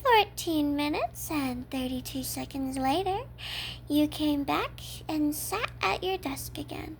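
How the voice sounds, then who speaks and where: A woman's voice: sits high, expressive, takes it slowly, creaky, very noisy, heavily acted. A woman playing a cheerful, obsessive yandere kidnapper in an ASMR role-play, talking coyly and matter-of-factly to a captive listener. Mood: matter-of-fact, fond. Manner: matter-of-fact, coy, addresses the listener as captive.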